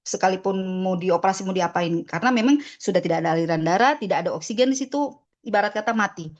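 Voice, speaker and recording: A woman's voice: mid-range voice, lively intonation, fast talker, muffled recording. A middle-aged woman giving a personal church testimony, telling her story with feeling and acting out remembered conversations.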